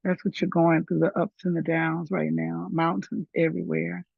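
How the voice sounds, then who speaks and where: A middle-aged woman with a hoarse voice, chatting warmly and laughing between thoughts in an online group. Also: lowish voice, flat delivery, normal speed, no echo. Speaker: group member sharing. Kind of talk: casual sharing in an online group. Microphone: video call. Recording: dull lo-fi video call audio.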